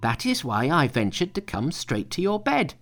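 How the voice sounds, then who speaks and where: A man voicing an eager young male monkey disciple who speaks in a high, humble, pleading way. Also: wildly swooping pitch, normal speed, a bit bright, exaggerated voice. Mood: respectful.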